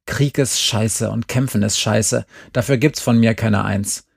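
A man voicing a fair-minded mother in a storybook reading, calm and reasoning. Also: fairly low pitch, unhurried, creaky, slightly rough, no echo, studio quality, heavily acted. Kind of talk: scripted narration.

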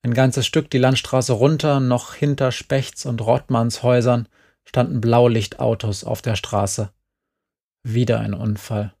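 A man reading a novel aloud in calm, subdued narration. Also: medium pitch, measured pace, vocal fry. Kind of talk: scripted audiobook narration.

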